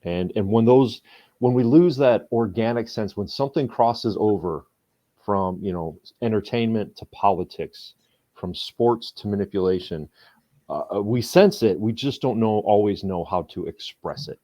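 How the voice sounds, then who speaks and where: A man's voice: on the low side, normal speed, mellow, no room sound. A man hosting a podcast in casual discussion, reflective and often restarting his words as he thinks. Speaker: podcast host.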